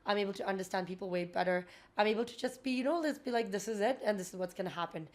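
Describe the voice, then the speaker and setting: Brief: young Canadian-accented woman, quick earnest guest, many fillers, mid pitch. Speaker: physiotherapist guest. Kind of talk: casual interview talk.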